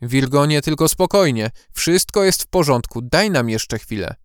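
A man's voice: mid-range voice, big pitch swings, moderate pace, darkish tone, no room sound, studio quality, close to an everyday voice. A man voicing a clever female owl-like warrior who hoots, coaxes and stays firm in an audiobook. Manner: hooting, coaxing, firm. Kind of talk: audiobook character voice.

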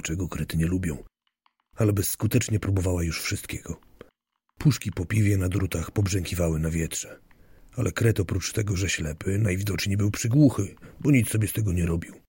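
A man's voice: fairly low pitch, mellow, breathy edge, dry recording. A man narrating a story in a wry, dry storytelling manner. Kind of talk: audiobook narration.

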